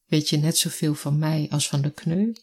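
Reader doing a wry young mother, teacher, teasing and guarded, husky breathy voice, middling pitch. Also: fairly even intonation, moderate pace.

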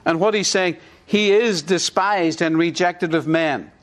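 Delivering his sermon a little slowly and in a fairly bright tone, a middle-aged Irish pastor leads call-and-response. His voice runs slightly high for a man, and he stresses short lines for the congregation to repeat.

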